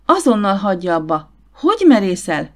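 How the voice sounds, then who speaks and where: A woman's voice: fairly low pitch, very animated. A woman reading the part of a spirited, indignant young lady who collects fossils, in an audiobook.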